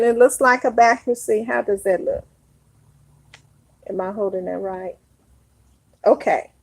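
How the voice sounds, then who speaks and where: A woman's voice: high-pitched, sharp tone. A woman teaching an online Hebrew lesson, explaining step by step and often checking in with "all right?".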